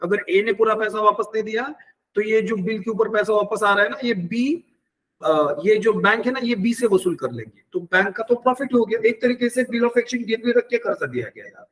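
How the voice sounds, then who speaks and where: A man's voice: high-pitched, lively intonation, moderate pace, fairly bright tone, poor audio. A man giving an online banking exam lecture, explaining step by step with worked examples and often checking in with the class.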